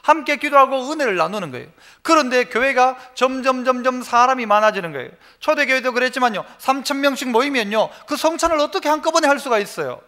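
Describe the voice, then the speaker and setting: A man's voice: extremely high pitch, animated, fast talker, hardly any pauses, pushed and bright. A male pastor preaching a sermon at a church service, emphatic, having the congregation repeat phrases and telling homely stories to make his point. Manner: storytelling with homely examples.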